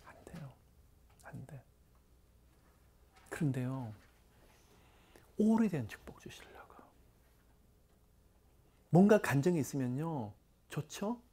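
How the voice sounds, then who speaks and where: A man's voice: medium pitch, big pitch swings, moderate pace, long pauses, warm tone. A middle-aged man, a pastor, preaching conversationally and often dropping to a whisper. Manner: conversational preaching, many asides; drops to breathy whispers. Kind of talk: sermon.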